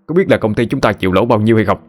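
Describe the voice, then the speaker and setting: A man's voice: fairly low pitch, lively intonation, rapid-fire, natural voice. A male narrator voicing an angry middle-aged company director, scolding and hot-tempered. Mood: furious.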